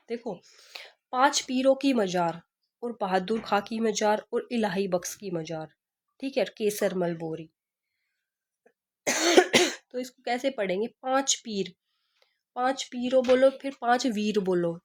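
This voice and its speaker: A woman teaches an exam-prep class in a slightly high voice. She poses a question, then answers it herself and drills it again and again. Her delivery is steady and patient, built around memory tricks. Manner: repeats questions and answers, asks rhetorical "kya hai?".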